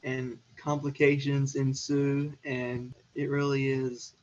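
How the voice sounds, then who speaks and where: A man speaking as a podcast guest in a casual film chat, relaxed and measured, pausing between phrases. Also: medium pitch, crowd noise. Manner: relaxed, measured, with pauses and fillers. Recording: dull lo-fi sound.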